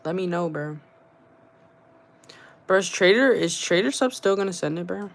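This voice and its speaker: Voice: mid-range voice, lively intonation, normal speed, vocal fry, a bit bright. A young streamer chatting casually to viewers in slangy bro-talk, repeating short phrases over and over. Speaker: live streamer. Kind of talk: casual livestream chat with viewers about game trading.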